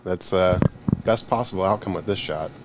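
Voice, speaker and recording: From the booth, a young man calls a pool tournament in easygoing live sports commentary, asking questions and dropping frequent "uh" fillers. His voice sits low at a normal speed, with background noise behind it.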